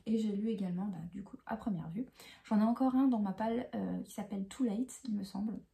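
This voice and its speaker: A woman chatting casually about a book she read, hesitant and full of fillers and restarts, often dropping into soft whispery phrases. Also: mid-range voice, a little fast, vocal fry. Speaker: book reviewer. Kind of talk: casual book review chat.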